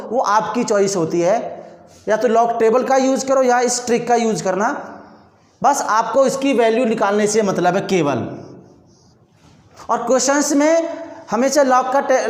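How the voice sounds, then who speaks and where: A man teaching chemistry in a classroom lecture, walking students through each step and often calling them children. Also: very high-pitched. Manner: addresses students as children, repeats steps. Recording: echoey room with long reverb.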